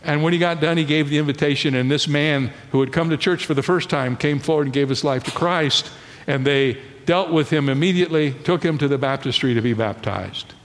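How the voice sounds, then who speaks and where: A middle-aged man preaching a sermon in a church, telling stories with animation and slowing down to stress key lines. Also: a little high. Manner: animated storytelling preacher, slows for emphasis. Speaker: pastor. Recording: long reverb of a large hall.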